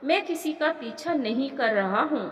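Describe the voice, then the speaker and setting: A woman voicing a rich young man who speaks calmly and matter-of-factly. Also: sits high, a little slow. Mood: offhand. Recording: echoey room with long reverb.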